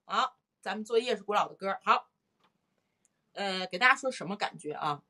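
A woman's voice: medium pitch, normal speed. A middle-aged woman vocal teacher giving a live-streamed singing lesson, repeating phrases and sounding out rhythms. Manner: lively, repeats phrases, sings and claps out rhythms.

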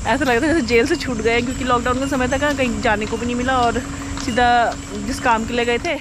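A woman's voice: a little high, steady tone, quick pace. A woman in her thirties chatting to viewers on a road trip vlog, filmed on a phone at arm's length by the roadside and in a car. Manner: chatty, addresses viewers directly. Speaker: travel vlogger. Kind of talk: casual travel vlog talk. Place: roadside outdoors and inside a car. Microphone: phone camera at arm's length. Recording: loud road and traffic noise.

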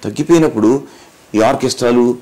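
A man's voice: mid-range voice, brisk, warm tone. A middle-aged man, a mimicry artist answering in an interview, emphatic and lecturing, asking and answering his own questions. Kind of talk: interview, explaining.

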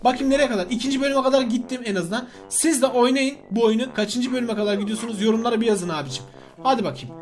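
A young man commentating his mobile game live, animated and loud, chanting repeated words and yelling at other players. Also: extremely high pitch, quick pace, soft background music. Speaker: gaming channel host.

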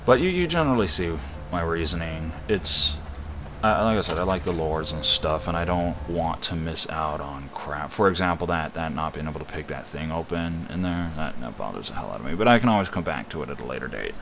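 A man's voice: very deep voice, lively intonation, brisk, gravelly, hardly any pauses. A man giving casual, rambling game commentary, swearing freely and running himself down. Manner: profane, self-deprecating. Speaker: gamer doing a playthrough. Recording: noisy background hum.

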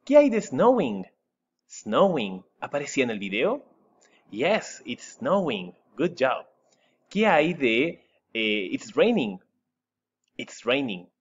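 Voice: mid-range voice, very animated, slow pace, long pauses, husky, dull audio. An English teacher from Chile with a Chilean Spanish accent, patiently drilling words and switching between Spanish and English in a recorded lesson. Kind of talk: remote classroom lesson.

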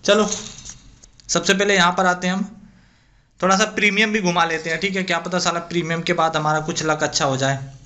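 A man's voice: high-pitched, steady tone, brisk, sharp tone. Exasperated young man venting over game loot. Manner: frustrated, swearing, pleading with the game. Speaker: gaming YouTuber. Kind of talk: live crate-opening commentary.

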